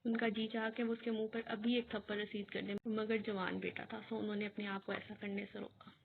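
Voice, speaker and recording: Brief: female audiobook narrator, steady and even-toned, phone-thin recording. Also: mid-range voice, vocal fry. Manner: steady storytelling. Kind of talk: reading an Urdu novel aloud. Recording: tinny phone-like recording with faint hiss.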